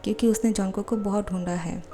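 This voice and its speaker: A woman narrating a romance fan-fiction story in a steady, plain retelling. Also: mid-range voice, fast talker, soft background music.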